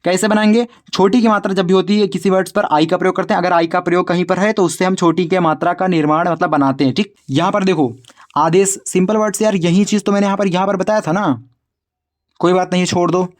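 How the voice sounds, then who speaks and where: Man, fairly high voice, casual tutor, repeats words slowly, addresses viewers directly. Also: steady tone. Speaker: English tutor on a video channel. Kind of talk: casual spoken lesson, spelling out words.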